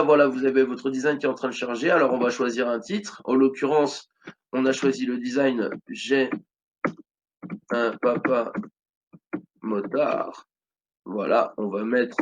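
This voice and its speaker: A man in his thirties with a French accent, casually walking viewers through an online selling tutorial, with many fillers and restarts. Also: mid-range voice. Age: 30s. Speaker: online business tutorial host. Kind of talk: screen-recorded tutorial walkthrough.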